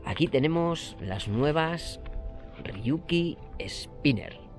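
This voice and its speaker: A man's voice: on the high side, expressive, very slow, soft background music. Enthusiastic man by a mountain lake. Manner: enthusiastic, exclaims often while fishing. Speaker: fishing channel host. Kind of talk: casual fishing vlog. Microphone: action camera, close framing.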